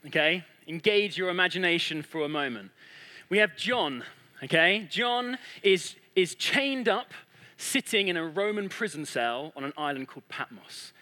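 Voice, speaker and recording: A man's voice: high voice, bright, forceful tone. A man preaching to a congregation, retelling a scene vividly and dramatically and voicing the characters' thoughts. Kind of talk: vivid storytelling sermon.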